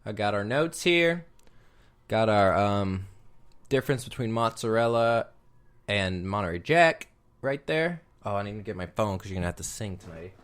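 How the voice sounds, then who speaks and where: A man's voice: lowish voice, expressive, normal speed, a bit bright, clean tone. A man co-hosting a podcast at home, chatting casually and playfully with his wife into a desk microphone. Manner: joking, playful. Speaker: podcast co-host. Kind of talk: casual chat. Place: home room with lights off.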